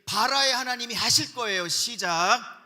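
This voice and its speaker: Brief: male pastor, bright piercing tone, lively call-and-response preaching, big church hall reverb. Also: very high voice, normal speed. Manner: animated, call-and-response with the congregation. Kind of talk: sermon lecture at a pastors' seminar. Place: large church sanctuary. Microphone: handheld microphone.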